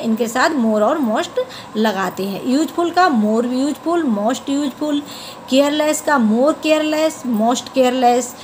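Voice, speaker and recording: A woman's voice: high-pitched, a little hiss or hum, low-quality recording. A woman teaching a grammar lesson, patiently repeating word forms and spelling them out.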